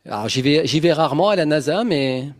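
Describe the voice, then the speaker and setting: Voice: medium pitch, animated, a little fast. A talk show host who answers with wry, laid-back remarks.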